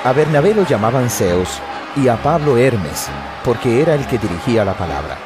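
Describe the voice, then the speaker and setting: A man's voice: mid-range voice, big pitch swings, moderate pace, over music. A man giving solemn, scripted narration of a dramatized Bible.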